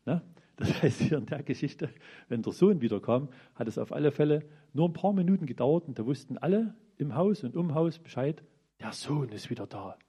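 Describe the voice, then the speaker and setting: A man's voice: a little high, animated, fairly quick, mellow, breathy edge. A man giving a casual, colloquial sermon, retelling a parable and asking his listeners questions. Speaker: preacher. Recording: dull lo-fi recording.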